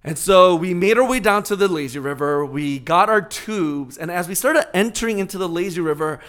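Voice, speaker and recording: A man in his forties, a pastor giving a sermon, telling a personal story in an animated, conversational way. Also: high-pitched, moderate pace.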